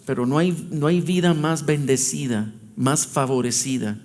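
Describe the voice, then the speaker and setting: A man's voice: mid-range voice, fairly even intonation, moderate pace. A male pastor preaching emphatically, acting out prayers and punching points with sound effects. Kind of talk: sermon. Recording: loud music playing behind the voice.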